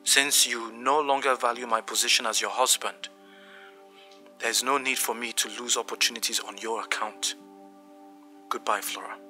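An actor playing a husband whose recorded voice message is played on a phone, saying in a formal, measured way that he is leaving. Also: mid-range voice, fairly even intonation, bright, forceful tone, faint music behind. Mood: cold, resolute. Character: resolute husband announcing he is leaving. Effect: recorded voice message played back on a phone. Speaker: husband leaving his wife.

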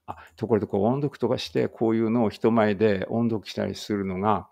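Low gravelly Japanese man teaching English. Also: fairly even intonation, darkish tone. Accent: Ibaraki Japanese. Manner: reads English slowly word by word, then chats quickly in Japanese. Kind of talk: slow English read-aloud lesson with Japanese explanation.

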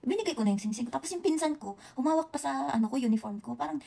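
A woman with a Visayan accent recounts a story to her viewers in a casual, unscripted way, stumbling over words and restarting often. Her voice sits a little high and has a gravelly edge. She talks in fast bursts. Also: lively intonation, warm tone. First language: Bisaya. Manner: halting, many restarts and self-corrections. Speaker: vlogger. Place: Japan.

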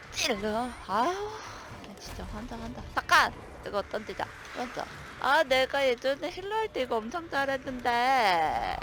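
A woman streamer commenting on her own gameplay, excitable, shouting commands and cursing at monsters. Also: on the high side, background noise. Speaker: gaming streamer.

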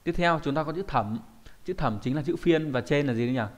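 A man's voice: a little high, brisk. Man teaching kanji. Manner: explanatory, with frequent checking questions to students. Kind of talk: online lesson.

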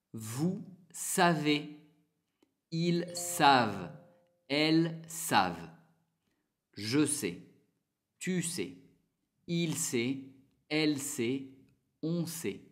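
Male teacher, slow and deliberate drill voice, mid-pitched, repeats every form. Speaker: French teacher.

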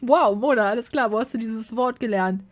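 A woman commenting on a game as she plays, chatty and excitable, breaking into exasperated shouts and swearing. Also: fairly high pitch, a little fast. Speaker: Let's Play host.

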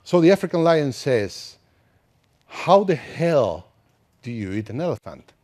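This conference speaker, an Argentine man in his thirties, has a somewhat high voice and keeps a measured pace. Speaking with an Argentine Spanish accent in an indoor hall, he sounds relaxed and conversational and frequently starts his sentences over.

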